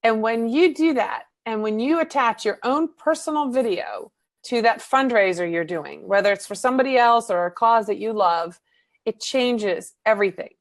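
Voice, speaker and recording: A woman from the Netherlands with a Dutch accent, a marketing coach chatting as a guest on a video interview, animated and full of fillers. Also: a little high, moderate pace, no room sound. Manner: chatty, animated, fills with "um" and "you know".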